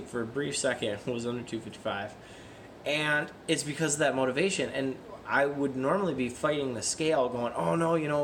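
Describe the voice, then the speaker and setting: A man's voice: mid-range voice, a bit bright. Earnest man talking motivation over background noise. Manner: earnest, asks himself questions and answers them. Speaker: fitness vlogger. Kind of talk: casual motivational talk to camera.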